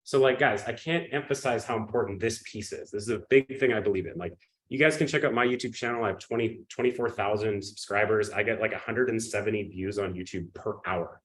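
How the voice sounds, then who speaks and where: A webinar presenter with a cold sniffles and coughs through an energetic live pitch, frequently checking in with his audience. He speaks briskly, and the recording quality is low.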